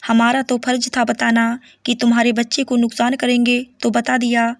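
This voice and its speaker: A woman's voice: a little high, completely flat delivery, moderate pace, no echo, lightly acted. A woman voicing a scolding middle-aged mother-in-law in a story read-aloud. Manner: sharp, scolding.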